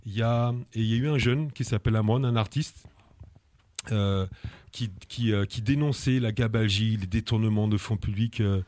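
A man from France, an activist guest, telling his story in an interview, halting and often restarting his words. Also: lowish voice, a little mellow, slight background noise. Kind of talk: personal testimony in an interview.

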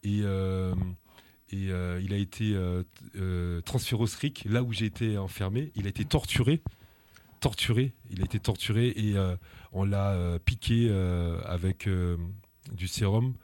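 A man from France, an activist guest, telling his story in an interview, halting and often restarting his words. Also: low voice, darkish tone, no echo. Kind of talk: personal testimony in an interview.

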